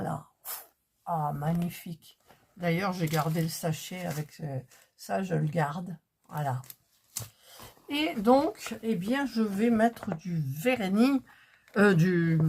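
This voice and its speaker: A woman talks her way through a craft project in a relaxed, meandering way. She speaks slowly and in a fairly low voice, pausing often, restarting phrases and filling gaps as she thinks aloud. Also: gravelly, a little hiss or hum. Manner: chatty, thinking aloud with many fillers and restarts. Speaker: craft vlogger. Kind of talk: casual crafting commentary.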